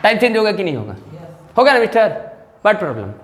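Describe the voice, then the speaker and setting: With a high, sing-song voice and a slightly fast pace, a man lectures a maths class, putting questions to students and repeatedly making sure they're keeping up. The room echoes with long classroom reverb.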